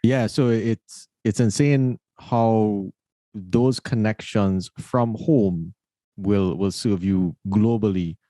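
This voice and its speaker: On the low side and dark in tone, this man's voice moves slowly through a dry recording. He hosts a podcast, and in a casual interview he talks thoughtfully and tells stories, often opening sentences by repeating words.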